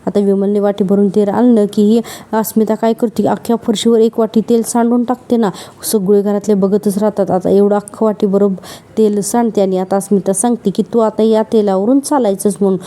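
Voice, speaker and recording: A woman's voice: medium pitch, flat delivery, a little fast, warm tone. A woman casually retelling a TV serial episode, talking straight to the viewer. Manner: chatty, addresses the viewer directly. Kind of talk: casual episode recap narration.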